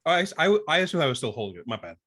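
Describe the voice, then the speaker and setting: A man's voice: on the high side, very animated, racing, a bit bright. A man talking casually as a player at a tabletop game.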